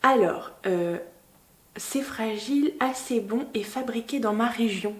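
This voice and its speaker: Slow-talking, gushing young woman vlogger. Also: a little high. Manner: excitable, gushing, many fillers and exclamations. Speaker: book vlogger. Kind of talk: casual vlog, unboxing gifts. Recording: noisy home recording.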